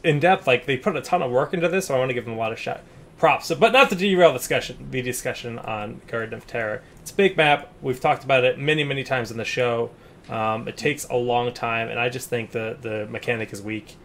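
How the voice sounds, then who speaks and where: A man hosting a casual gaming podcast, talking in an animated way and stumbling over repeated words. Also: medium pitch, a little fast, a little hiss or hum.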